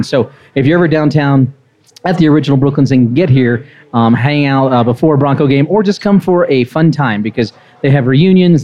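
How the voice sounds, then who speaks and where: A man's voice: mid-range voice, a little mellow, lo-fi sound. A man hosting a live talk show, upbeat and rambling, often repeating words as he interviews a guest. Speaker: host. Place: restaurant with live audience.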